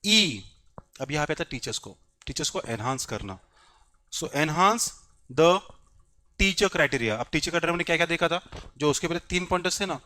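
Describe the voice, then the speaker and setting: Guy teaching exam prep, kinda high bright voice, switches hindi and english, keeps asking the class stuff. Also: lively intonation, moderate pace. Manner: quizzes the class and repeats key points; switches between Hindi and English mid-sentence. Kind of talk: classroom lecture.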